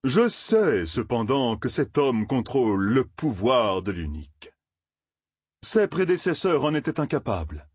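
A man voicing a sly, theatrical male peddler who spins his news slowly and grandly, in an audiobook. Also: medium pitch, big pitch swings, darkish tone, husky, dry recording, clean studio sound, voice pushed up. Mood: grandiose. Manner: drawn-out, pompous storytelling. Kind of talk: audiobook character voice.

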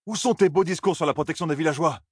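Guy doing a hoarse bitter knight in a storybook, pitched up high, full of scorn. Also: fast, no room sound, studio quality. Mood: scornful. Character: bitter vengeful male knight officer, accusing.

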